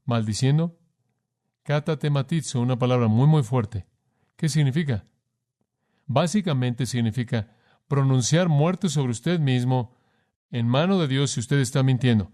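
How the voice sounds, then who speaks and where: A man's voice: medium pitch, measured pace, pauses often, dark tone. Emphatic man preaching a sermon. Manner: emphatic, asks the listener rhetorical questions; addresses the listener formally as "usted".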